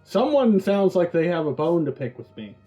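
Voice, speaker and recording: A man joking his way through casual gameplay commentary, offhand and a little crude. His voice is dark and mellow, recorded with a slightly dull, lo-fi sound. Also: high voice, sing-song, moderate pace, faint music behind. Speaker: gaming video host.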